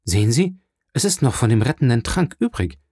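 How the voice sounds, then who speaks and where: A man's voice: medium pitch, very animated, brisk, a little mellow, slightly rough, no echo, studio quality. A man voicing a desperate young prisoner in an audiobook, raised, urgent and pleading. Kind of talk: audiobook character reading.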